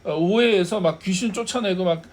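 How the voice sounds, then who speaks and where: High-voiced man preaching a sermon. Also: a little fast. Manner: asks the congregation rhetorical questions, laughs now and then. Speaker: pastor.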